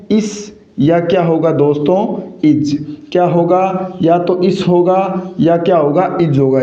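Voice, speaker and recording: A man's voice: high-pitched, mellow. A male teacher giving a grammar lecture, who keeps asking the class questions and answering them himself, repeating each key point. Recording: echoey, dull lo-fi room sound.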